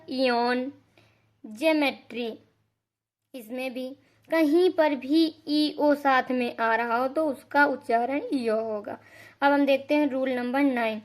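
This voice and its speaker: A woman teaching pronunciation in a slow, deliberate classroom manner. Her voice sits high, and she repeats each rule before spelling out example words one by one. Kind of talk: slow classroom-style explanation.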